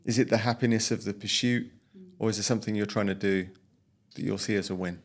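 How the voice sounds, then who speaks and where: A man's voice: fairly low pitch, steady tone, fast. A man hosting an interview podcast, asking friendly, rambling questions with frequent restarts. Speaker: podcast host. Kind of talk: casual interview talk.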